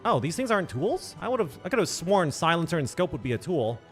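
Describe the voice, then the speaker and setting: Man muttering through a game, lively pitch. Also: brisk. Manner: thinking aloud, muttering asides. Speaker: streamer. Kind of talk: casual gameplay commentary. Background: faint game music.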